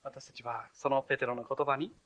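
A man's voice: medium pitch, steady tone, fairly quick, a bit bright, dull audio. A male pastor preaching an expository sermon, retelling scripture in a storytelling way with acted voices.

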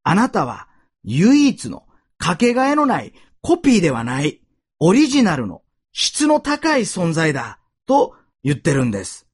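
A man preaching a sermon in an earnest voice that slows down for emphasis. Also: sits high, wildly swooping pitch, slightly rough. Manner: earnest, slow emphatic delivery. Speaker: pastor.

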